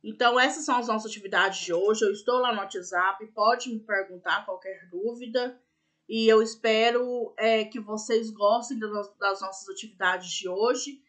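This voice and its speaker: A woman's voice: medium pitch, moderate pace, a bit bright. A woman teaching a recorded remote class for young pupils, patiently walking through the tasks and spelling words out letter by letter. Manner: checks in with "né?" and "tá bom?". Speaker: primary school teacher.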